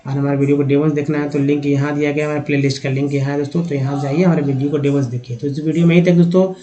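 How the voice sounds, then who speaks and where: A man's voice: a little high, little pitch movement, very fast, warm tone. A man teaching an English lesson, spelling out letters and repeating vowel sounds step by step. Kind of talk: slide-based language lesson.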